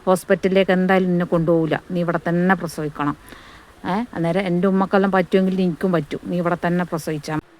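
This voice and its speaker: A man playing a stubborn husband who keeps insisting in a flat voice. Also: high voice, fast talker, lightly acted. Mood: dismissive. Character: stubborn husband, dismissive, refuses hospital.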